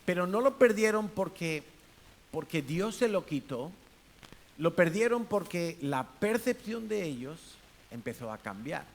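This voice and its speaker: A man preaches a sermon in a church hall with a Peninsular Spanish accent, keeping it conversational by questioning the congregation and acting out different tones. His voice sits high with big pitch swings and a slightly slow delivery, with faint hiss present.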